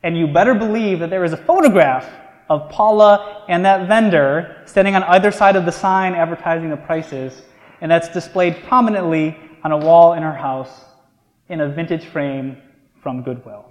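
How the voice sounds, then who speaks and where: Man, pastor's sermon, slightly high voice, conversational storytelling, slow emphatic stresses, long echo of a church hall.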